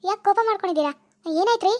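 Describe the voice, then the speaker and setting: A woman voicing a flustered young village wife in a cartoon, pleading her innocence in a very high, quick voice. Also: warm tone. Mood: pleading confused. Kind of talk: cartoon voice acting.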